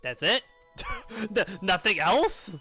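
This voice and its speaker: A man streaming a video game, chatting casually in an animated, rambling way and laughing often. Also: high-pitched, slow. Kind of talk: casual gameplay commentary. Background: soft game music.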